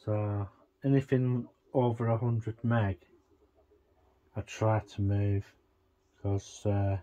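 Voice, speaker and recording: A man vlogging a casual tech walkthrough, thinking aloud in a halting, rambling way. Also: lowish voice, flat delivery, mellow, highs cut off.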